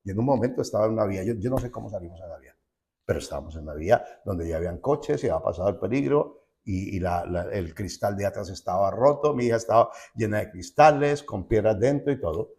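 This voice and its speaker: A middle-aged male pastor preaching a sermon, switching between loud, slow declarations and quiet asides, often calling listeners brother. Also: fairly low pitch, expressive. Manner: calls the congregation brother.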